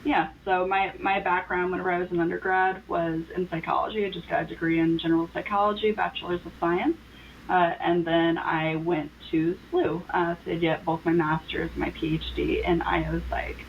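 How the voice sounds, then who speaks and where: A young woman with a fairly low voice answers interview questions over a video call. She explains in a steady way, and her audio comes through a little muffled. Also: normal speed, a little hiss or hum. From born in Croatia, raised in the US Midwest. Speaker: guest, organizational consultant.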